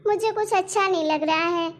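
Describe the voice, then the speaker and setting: A woman voicing a gentle young pregnant second wife in a cartoon story, speaking softly and fondly. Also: very high-pitched, moderate pace. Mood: affectionate. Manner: soft, affectionate.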